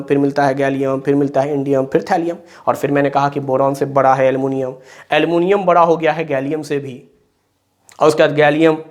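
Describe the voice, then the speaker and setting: A man with a fairly high voice teaches a chemistry class. He explains patiently and goes over each point again, and he calls his students beta. He sounds like a teacher at a whiteboard in a coaching class. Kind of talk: classroom lecture.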